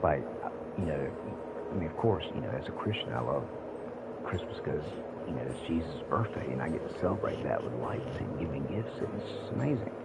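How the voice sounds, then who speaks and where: Speaking a little fast with lively intonation, this South Carolina man in his late 40s has an extremely low-pitched voice. He rambles casually to viewers during a gaming livestream, addressing them directly. Heavy background noise mixes with music behind his voice.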